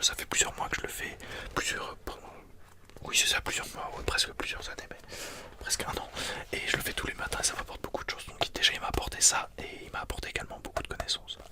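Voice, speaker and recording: ASMR reviewer, sustained soft library whisper, informal explanatory delivery, close to the microphone. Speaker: ASMR video creator.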